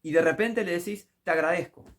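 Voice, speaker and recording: A man with a Rioplatense Spanish accent delivers a critical sermon commentary, scolding his listeners and building to impassioned shouts. His voice is high-pitched and his pace a little fast.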